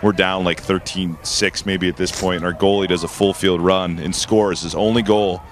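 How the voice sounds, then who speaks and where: A man's voice: low voice, flat delivery, moderate pace, a faint crowd. A man giving sideline analysis at an outdoor lacrosse game, enthusiastic and joking. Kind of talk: live sports color commentary. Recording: outdoor field noise.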